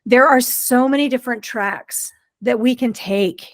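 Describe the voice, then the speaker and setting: A woman's voice: fairly high pitch, measured pace, dry recording, studio quality. A woman hosting a podcast, asking friendly, encouraging questions of her guest in a casual interview. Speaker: podcast host.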